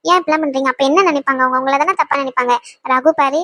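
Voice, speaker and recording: A woman's voice: high-pitched, fairly even intonation, bright, forceful tone, no echo. A woman voicing a young wife in a cartoon who scolds her husband in a hurt, indignant way. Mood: reproachful. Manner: reproachful, rapid and indignant. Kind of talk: cartoon voice acting.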